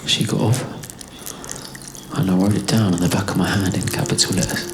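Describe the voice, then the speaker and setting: A deep-voiced man performs his own spoken-word monologue at a live club, musing conversationally and repeating phrases at a brisk pace with fairly even intonation. A performance artist and writer, he is heard over prominent music and a noisy background.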